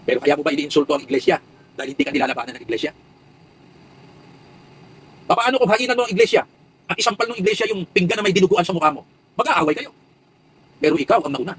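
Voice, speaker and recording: Fiery fast-talking commentator man. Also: sits high, big pitch swings, breathy edge, rough recording. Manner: preachy, rhetorical questions, repetitive emphatic lists. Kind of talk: impassioned monologue commentary.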